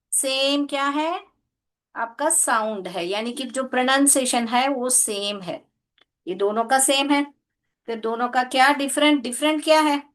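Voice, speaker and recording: An Indian woman who teaches English speaks in a slightly high, very slow and patient voice during a classroom lesson for children, mixing Hindi and English. She asks the kids many questions, praises them, and spells out each point step by step.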